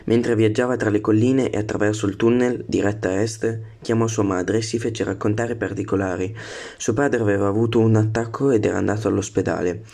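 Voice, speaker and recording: Low, gravelly man reading a novel. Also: dark tone. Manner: stumbles and corrects himself on words. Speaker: book reader.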